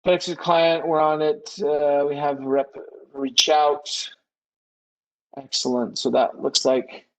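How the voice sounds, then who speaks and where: His voice is a little high, and he delivers it flatly and slowly through poor audio. He's a business consultant presenting a relaxed live webinar Q&A, thinking out loud and often fixing his own wording.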